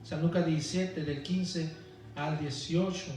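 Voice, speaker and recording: A man's voice: on the high side, fairly even intonation, slow pace. A man preaching a Sunday school sermon, emphatic and calling the congregation for amens. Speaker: pastor. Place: church hall. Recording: echoey church hall, mic far off.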